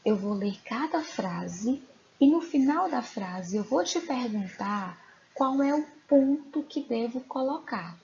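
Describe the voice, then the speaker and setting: Slow, clear schoolteacher woman. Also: on the high side, animated, darkish tone. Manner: slow, clear, questioning pupils directly. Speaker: teacher. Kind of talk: recorded online class lesson. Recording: dull lo-fi recording, faint noise.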